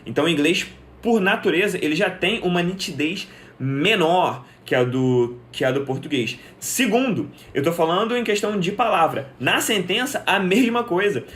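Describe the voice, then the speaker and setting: A young man leads a live lesson, his voice pitched slightly higher than most men's. He explains patiently and step by step. He keeps posing questions and then answering them himself. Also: animated, moderate pace, hardly any pauses, a bit bright. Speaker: English teacher.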